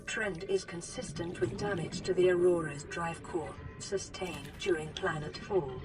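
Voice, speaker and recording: A voice actor voicing a calm, soothing onboard care computer in a game, giving even, clinical announcements through a synthetic filter. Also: mid-range voice, measured pace. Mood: calm, reassuring. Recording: distant game voice under loud music.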